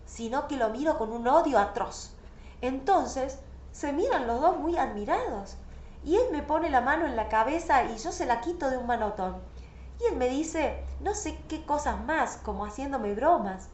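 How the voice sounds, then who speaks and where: A woman's voice: a little high, darkish tone, a little hiss or hum. A woman reading a novel aloud in the first person, telling the story with anguished emotion. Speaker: audiobook reader. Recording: roomy, slightly dull recording.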